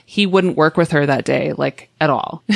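A woman's voice: low-pitched, vocal fry, dry recording, clean studio sound. A woman telling animal stories in casual podcast chat, full of fillers. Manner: chatty storytelling with many fillers. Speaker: podcast guest.

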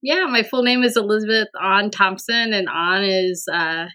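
A Vietnamese university administrator appears as a podcast guest in a casual chat, her medium-pitched voice pushed and bright at a moderate pace. She is hesitant, full of fillers and restarts, and laughs often.

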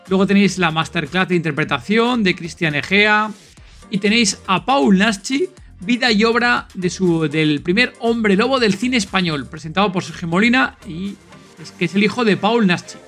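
A man with a Spanish accent from Spain hosts a podcast, making announcements and chatting in an informal, enthusiastic way. His voice is high with a fairly bright tone.

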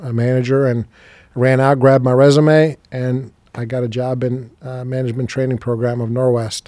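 A man's voice: medium pitch, little pitch movement, normal speed, mellow, no room sound. A man, an English speaker, talking enthusiastically as an interview guest with fillers and restarts. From Serbia. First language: Serbian. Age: 40s. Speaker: guest, business banker. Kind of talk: interview conversation.

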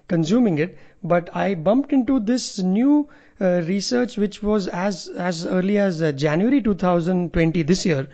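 A man's voice: sits high, lively intonation, moderate pace, warm tone. A man with a North Indian accent chatting casually as a co-host, telling things in a jokey way. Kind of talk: casual conversational chat. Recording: slightly dull, lo-fi audio.

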